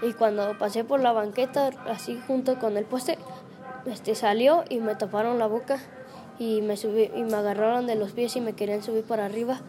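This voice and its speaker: A young woman telling a reporter what happened to her, frightened and halting, with many restarts. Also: a little high, steady tone, mellow, faint music behind. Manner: hesitant, halting, with restarts and fillers. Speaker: interviewee. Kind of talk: recounting an ordeal to a reporter.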